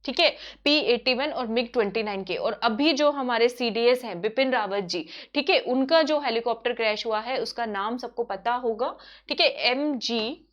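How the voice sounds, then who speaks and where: A woman teaches an online current-affairs quiz, moving quickly and repeating each answer so it sticks. Her voice sits a little high, and she keeps checking in with her students. The audio is somewhat dull and lo-fi. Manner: brisk and repetitive, often checking in with "theek hai". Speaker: exam-prep teacher.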